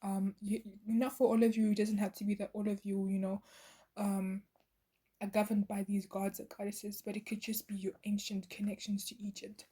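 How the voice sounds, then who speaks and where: A woman's voice: mid-range voice, flat delivery, normal speed, warm tone, breathy edge. A woman giving a channeled tarot reading to her viewers, earnest and meandering, with many fillers and restarts. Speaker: tarot reader.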